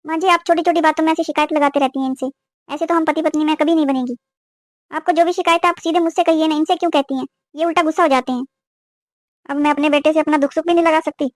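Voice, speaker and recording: A woman's voice: high-pitched, steady tone, fast, no room sound, clean studio sound, lightly acted. A woman voicing a young newlywed daughter-in-law who answers politely but firmly in a cartoon. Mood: pleading. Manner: pleading, polite but firm. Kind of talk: cartoon voice acting.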